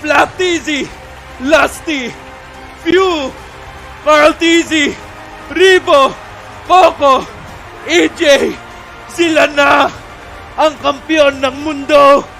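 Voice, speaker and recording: A man with a Filipino accent shouting live play-by-play for an esports final, mixing Filipino and English. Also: extremely high pitch, extremely slow, gravelly, long pauses. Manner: shouting, excited, switching between Filipino and English. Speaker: esports caster. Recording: live broadcast with music behind.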